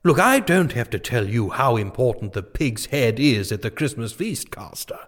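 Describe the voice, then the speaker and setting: A man's voice: mid-range voice, very animated, moderate pace, close to an everyday voice. An actor playing a pompous, bumbling, gluttonous medieval king in a comic drama, wordy and dithering. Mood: pompous, grandiose. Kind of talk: comic audio drama acting.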